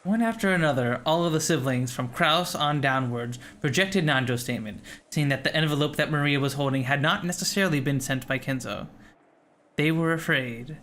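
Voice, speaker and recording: A man's voice: on the high side, moderate pace, fairly bright tone. A man reading visual novel narration aloud as the narrator of a game playthrough.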